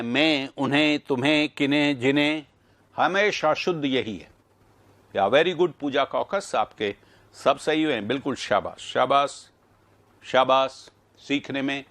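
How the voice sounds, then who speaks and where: A middle-aged man teaching Hindi spelling in a live online class, correcting and praising students by name. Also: mid-range voice. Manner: animated, stresses words loudly when correcting, praises students often.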